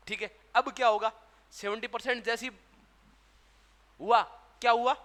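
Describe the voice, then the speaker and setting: High, bright-voiced Hindi lecturer in a hall. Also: male voice, steady tone, unhurried. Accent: Rajasthani Hindi. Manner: asks questions and answers them himself. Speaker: teacher. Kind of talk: classroom lecture. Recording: long hall reverb.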